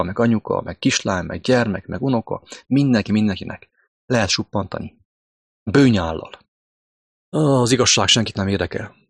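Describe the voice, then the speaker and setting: A man preaching a fiery monologue, crude and scolding, repeating himself and breaking into sudden high outbursts. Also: slightly rough, dry recording, clean studio sound.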